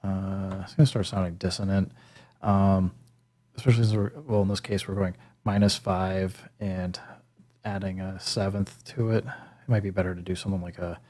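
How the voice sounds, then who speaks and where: A mellow male voice with a level tone and moderate pace guides a casual, hands-on tutorial on music gear. He reasons aloud hesitantly and with self-deprecating humor. The background carries synth pad and bass sample demo sounds.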